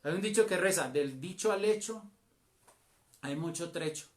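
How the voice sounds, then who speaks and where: A man with a Colombian accent preaching a sermon as a church elder, slow and deliberate with emphatic phrases. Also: a little high.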